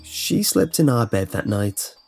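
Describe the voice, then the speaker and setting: In a medium-pitched, gravelly voice, a man narrates scripted horror, telling short first-person anecdotes over background music. His delivery is sing-song and unhurried, with a darkish tone.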